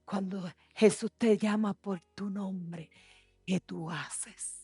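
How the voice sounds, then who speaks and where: A woman pastor preaching a sermon, moving from soft, hushed passages to loud, impassioned declarations. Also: mid-range voice, steady tone, takes it slowly, husky, no room sound, faint music behind. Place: church.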